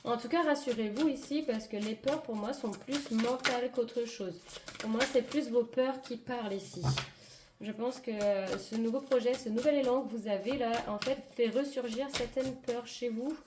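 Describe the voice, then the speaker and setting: A woman doing a casual, improvised card reading for viewers, hesitant and searching for words, her hoarse voice giving out. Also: on the high side, normal speed. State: hoarse voice giving out, clearing throat. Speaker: tarot and oracle card reader. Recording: echoey room with clear background noise.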